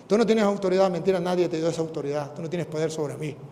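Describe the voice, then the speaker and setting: A man's voice: on the high side, quick pace, dark tone, long reverb tail, a little hiss or hum, close to an everyday voice. A man voicing a scornful male demon that possesses a woman, taunting and defiant. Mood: low menace.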